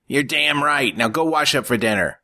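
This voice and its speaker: A man's voice: medium pitch, animated, moderate pace, bright, forceful tone, no room sound, studio quality, voice pushed up. A man voicing a bossy, scolding older mob matriarch.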